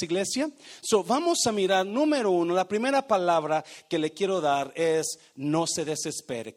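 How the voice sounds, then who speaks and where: A middle-aged man, preaching a sermon and telling a personal story with dramatic swells of loudness for emphasis. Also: high voice. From Mexico. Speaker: pastor.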